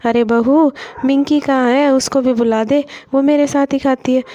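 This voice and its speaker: Older village mother-in-law, voiced by a woman, complaining and scolding; high and mellow, slightly muffled. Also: steady tone, moderate pace, dry recording, natural voice.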